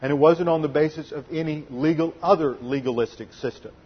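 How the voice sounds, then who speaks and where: A man preaching an expository Bible teaching sermon, explaining terms in a deliberate teaching tone and slowing down to stress key words. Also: fairly high pitch, husky, highs cut off. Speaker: pastor.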